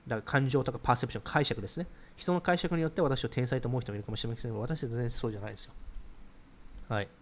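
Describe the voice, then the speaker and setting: Fast-talking man chatting on a livestream. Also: medium pitch. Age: 30s. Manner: rapid, chatty, explains ideas while reacting to comments. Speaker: livestream host reading viewer comments. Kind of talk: casual livestream chat.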